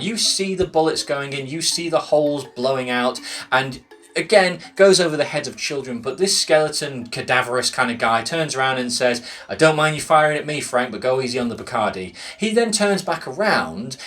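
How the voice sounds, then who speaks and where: A man casually recommending a film, retelling scenes with enthusiasm and dropping in quick acted quotes. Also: mid-range voice, a bit bright. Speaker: film reviewer.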